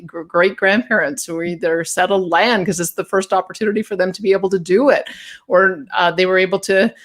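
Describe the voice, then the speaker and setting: Canadian woman answering on a video call. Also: lowish voice. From Calgary, Canada. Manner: earnest, repeats words as she thinks. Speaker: guest, policy paper author. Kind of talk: conversational interview answers.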